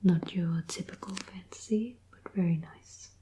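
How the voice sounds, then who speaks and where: A woman in a whispered role-play as a librarian, speaking in a soft, gentle, unhurried library whisper. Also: on the low side, noisy background. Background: soft clicking and tapping sounds.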